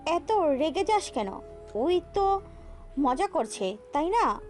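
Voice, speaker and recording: Woman playing a kindly mother in an audio drama, high and mild. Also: very animated, slow pace, darkish tone, soft background music, exaggerated voice. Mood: gentle. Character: gentle middle-aged mother.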